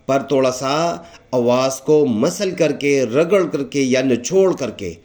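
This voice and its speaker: A man with a Pakistani Urdu accent giving a patient recitation lesson, explaining each letter and repeating it slowly and drawn out. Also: mid-range voice, darkish tone. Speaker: Quran recitation teacher.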